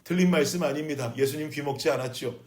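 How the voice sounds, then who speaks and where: A man's voice: fairly high pitch, fast talker. Man preaching an urgent sermon, echoey room. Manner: emphatic preaching, rising to loud urgency. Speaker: pastor.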